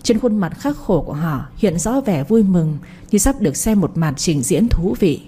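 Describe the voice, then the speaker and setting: A woman narrating an audiobook story in a steady, even, scripted reading. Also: on the low side, moderate pace, slightly rough.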